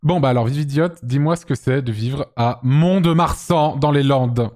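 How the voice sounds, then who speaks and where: A man's voice: medium pitch, moderate pace, a little mellow. A man hosting a live stream, chatting casually with lots of fillers and teasing his guests. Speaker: streamer host.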